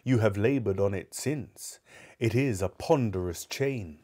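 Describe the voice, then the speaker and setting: A man's voice: on the low side, measured pace, dark tone. A man voicing the solemn, mournful ghost of a dead businessman in a storybook reading. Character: grave, doomed male ghost of a dead businessman.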